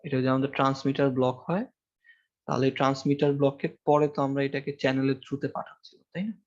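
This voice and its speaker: A man's voice: medium pitch, fairly even intonation, fast, dull audio. A man teaching a university class through a microphone, explaining step by step and asking his students questions, with frequent fillers. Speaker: university lecturer. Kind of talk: classroom lecture. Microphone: microphone with amplifier in a classroom.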